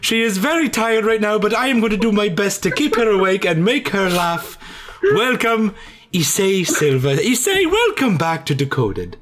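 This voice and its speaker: A man voicing a doting old female dwarf grandma who hosts the show, in a high, soft, sing-song voice. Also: sing-song, normal speed, background noise. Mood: grandmotherly, theatrical. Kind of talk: comedic podcast intro.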